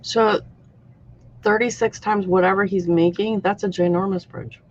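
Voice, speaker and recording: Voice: mid-range voice, fairly even intonation, normal speed, lo-fi sound, a little hiss or hum. A co-host chatting casually and playfully on a livestream, teasing and joking.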